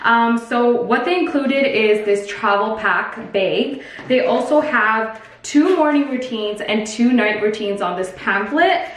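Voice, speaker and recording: A woman's voice: a little high, animated, unhurried, a little hiss or hum. A woman co-hosting a casual vlog with her twin sister, chatting with lots of "like" fillers. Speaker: co-host, twin. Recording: echoey room.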